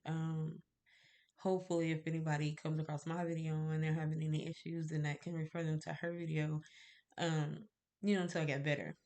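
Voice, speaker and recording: Sounding nasal and stuffed up from a cold, a woman with a low-pitched, warm voice chats to camera about her candle-making. She rambles along, adding fillers and small chuckles.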